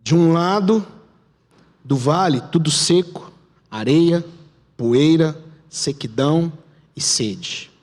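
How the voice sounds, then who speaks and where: Brazilian pastor guy preaching, slightly high voice, goes quiet and hushed for effect, big echoey church hall. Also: animated, slow, pauses often. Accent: Brazilian Portuguese. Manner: dramatic storytelling, dropping to a hush at key points. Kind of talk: sermon. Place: church sanctuary. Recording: long church hall reverb.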